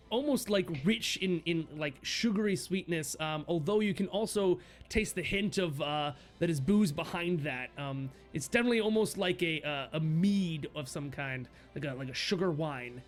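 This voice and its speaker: A man narrating as game master of a tabletop game, halting often with fillers and restarts. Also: a little high, lively intonation, faint music behind.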